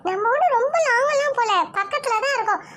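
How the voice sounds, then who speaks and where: A cheerful young husband in a puppet-show story, comforting his bride with easy chuckles, played by a woman. His voice comes out very high and cartoonish for a man. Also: fast, fairly bright tone. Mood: reassuring. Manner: reassuring, chuckling.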